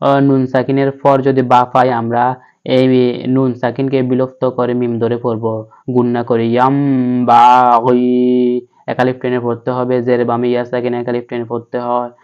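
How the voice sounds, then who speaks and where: A man patiently spells out Quran letters and vowel marks one at a time, then chants the verse slowly. His voice is smooth and resonant but stays flat in pitch. The recording sounds slightly dull and lo-fi. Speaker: Quran teacher. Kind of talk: spelling-out Quran recitation lesson.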